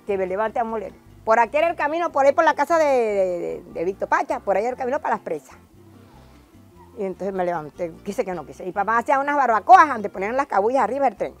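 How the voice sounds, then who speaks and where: An older woman with a Venezuelan accent, telling lively stories from her childhood in an interview and acting out cries in a high voice. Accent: Venezuelan Spanish. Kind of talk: lively storytelling.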